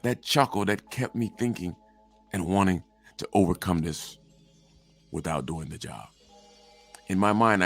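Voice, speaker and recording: Deep-voiced man telling a dramatic story. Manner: dramatic, swings from quiet asides to shouted quotes. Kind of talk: first-person dramatic storytelling.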